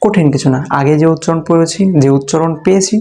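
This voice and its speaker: A man's voice: a little high, quick pace, gravelly, warm tone. A man teaching a beginner's Quran reading class online, patiently repeating letter sounds and answering his own questions.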